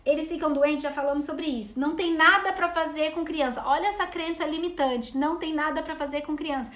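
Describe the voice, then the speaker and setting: Fast-talking high-voiced Brazilian woman. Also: fairly even intonation, fairly bright tone, reverberant. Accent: Brazilian Portuguese. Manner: chatty, rambling, reading out comments. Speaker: travel vlogger and mother. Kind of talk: casual live-stream chat with viewers.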